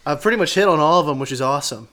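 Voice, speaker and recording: A man's voice: on the high side, racing, a bit bright. A man chatting casually as a podcast guest, crude, joking and self-deprecating. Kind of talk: casual chat.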